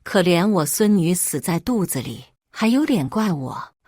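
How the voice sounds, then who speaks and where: A woman reading a story, voicing a sharp-tongued, loud mother-in-law. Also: sing-song, measured pace, no room sound, studio quality. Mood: scolding. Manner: shrill, scolding.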